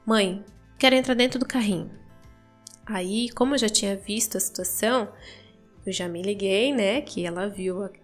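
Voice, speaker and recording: Gravelly-voiced Brazilian mother telling a story. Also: medium pitch. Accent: Brazilian Portuguese. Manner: chatty, many tag questions, acts out dialogue. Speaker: podcast host, mother. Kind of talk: casual storytelling.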